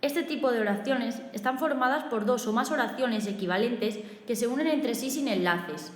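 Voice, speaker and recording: A female teacher with a Spanish accent reading a recorded review lesson in a steady, methodical way, listing points one by one. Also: on the high side, moderate pace. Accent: Spain. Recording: echoey room with long reverb.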